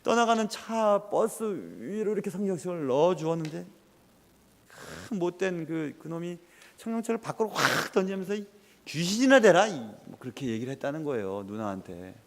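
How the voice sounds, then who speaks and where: A man preaching a sermon as a pastor, telling stories with lively swings and dropping to a whisper at times. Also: fairly high pitch, normal speed, creaky, big-room sound.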